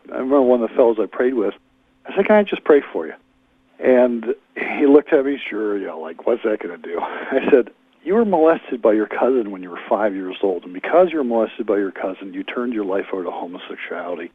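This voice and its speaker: A man who is a guest on a radio show, telling his testimony in an earnest, animated way and acting out the dialogue. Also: medium pitch, husky, no echo. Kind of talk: testimony storytelling. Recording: tinny phone line.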